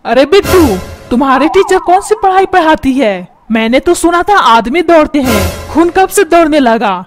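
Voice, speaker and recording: A woman doing a grumpy shouting cartoon father. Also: sits high, animated, normal speed, soft background music. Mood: scolding. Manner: shouts and scolds, calls names. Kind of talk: comedy cartoon dubbing.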